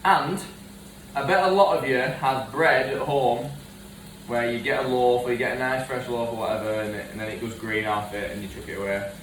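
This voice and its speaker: A man chatting casually while cooking at home, jokey and quick to laugh. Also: mid-range voice, steady tone, fairly bright tone. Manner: giggly, jokey, laughs often. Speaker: co-host of home cooking video. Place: home kitchen. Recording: echoey kitchen, mic far off, noisy.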